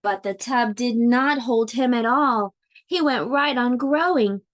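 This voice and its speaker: A woman reads a storybook to young children in a fairly high voice. Her narration is expressive and deliberate, stretching key words for drama, the way a preschool teacher would. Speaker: pre-K teacher reading a storybook aloud.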